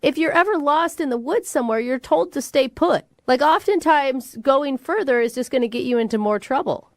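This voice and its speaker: High-voiced, teasing woman radio co-host. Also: lively intonation, moderate pace, no echo. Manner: skeptical, teasing, frank. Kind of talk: radio show banter.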